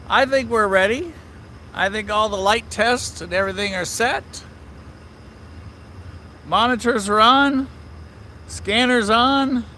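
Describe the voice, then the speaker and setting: At night, outdoors by the tracks in a small-town downtown, a man runs a railfan live stream, chatting cheerfully straight to his audience. His voice is high-pitched and sharp-toned, and a little hiss or hum is audible.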